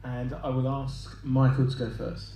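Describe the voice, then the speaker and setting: Man from london chairing a hustings, bit halting, faint noise, roomy echo. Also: mid-range voice, flat delivery, mellow. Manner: polite, halting with fillers. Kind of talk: chairing a public meeting. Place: large hall with an audience. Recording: echoey hall from far off.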